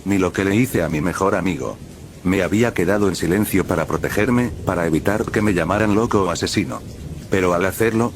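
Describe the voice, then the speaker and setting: Man, horror story narrator, grave and measured, very deep voice, ambient background noise.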